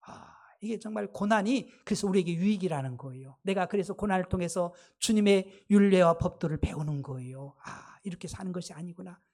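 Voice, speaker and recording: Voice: medium pitch, a little fast, a little mellow. A pastor preaching a sermon with emphatic delivery, putting rhetorical questions to the congregation and calling out exclamations.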